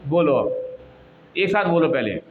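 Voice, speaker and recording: A man teaching a class, coaxing and scolding students and leading them through slow recitation. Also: on the high side, very animated, a loud crowd, heavy background noise. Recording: dull echoey hall, students audible.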